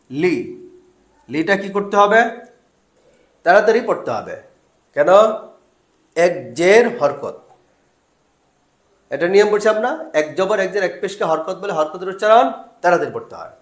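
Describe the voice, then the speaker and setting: Male Quran reading teacher, slow and patient question-and-answer drills, stretched syllables, high voice. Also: echoey room. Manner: asks questions and answers them himself, drawing out syllables. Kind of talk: step-by-step lesson.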